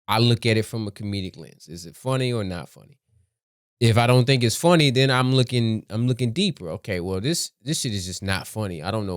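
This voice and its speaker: A man giving casual opinion commentary in a measured, deliberate way, repeating phrases for emphasis. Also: medium pitch, dry recording, studio quality. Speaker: commentator reacting to a comedy skit.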